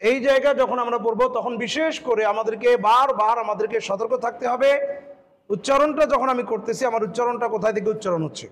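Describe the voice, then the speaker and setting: A man teaching Quran pronunciation, patiently repeating words slowly and stretching the sounds. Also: very high voice, a bit bright, long reverb tail. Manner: patient, drills words by slow drawn-out repetition. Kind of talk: tajweed pronunciation lesson.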